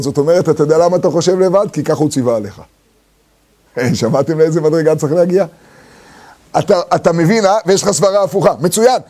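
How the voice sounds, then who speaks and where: A man leads a Torah lesson in a warm, mellow voice that sits slightly high. He keeps firing rhetorical questions at his listeners. He also slips into acted voices for the figures he quotes. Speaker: Torah teacher. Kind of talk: lively Torah lesson to a group.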